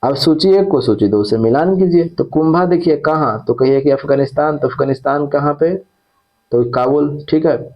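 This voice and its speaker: A man's voice: fairly high pitch, moderate pace, dull audio. A man teaching an exam-prep lesson who repeats key terms and checks in with his students after each point.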